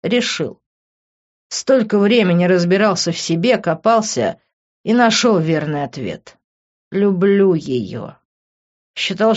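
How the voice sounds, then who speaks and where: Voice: medium pitch, muffled recording. A reader narrating a novel in the first person, with heated, emotional delivery.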